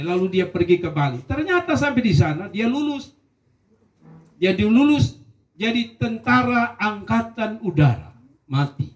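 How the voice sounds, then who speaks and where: A man, a pastor, giving a humorous funeral sermon with lively, chuckling storytelling. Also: high voice. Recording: echoey hall, distant mic.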